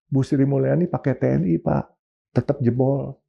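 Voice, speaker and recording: A man's voice: mid-range voice, steady tone, moderate pace, vocal fry, slightly rough, lo-fi sound. A man voicing a frightened friend who sobs while reporting that a mob has surrounded him. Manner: sobbing, urgent reporting. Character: frightened man trapped in apartment, pleading.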